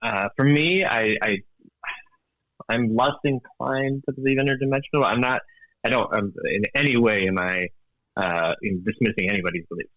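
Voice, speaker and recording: A man appears as a guest author in a casual interview, speaking at a moderate pace in a mid-range, fairly bright voice. He's thoughtful and hesitant, full of fillers and restarts, laughs often, and describes himself as an evidence-minded engineer. The recording is dry and rough.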